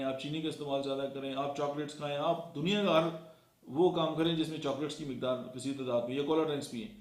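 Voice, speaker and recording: A man's voice: a little high, a little mellow. A man from Pakistan giving a motivational talk, lecturing and counting off his points one by one with frequent fillers. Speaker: motivational speaker. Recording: echoey room.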